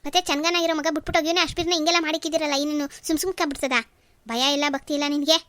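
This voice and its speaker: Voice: high-pitched, little pitch movement, very fast, pushed and bright, dry recording. A voice artist playing an angry young husband who scolds his in-laws in a cartoon. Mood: accusing. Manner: accusing, scolding. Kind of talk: cartoon voice acting.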